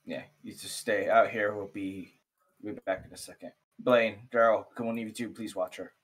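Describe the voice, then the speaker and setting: A man takes part in a tabletop game as a player. His voice sits on the low side. He moves casually between table talk and in-character lines. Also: fairly even intonation, normal speed, slightly rough. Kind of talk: casual in-character role-play.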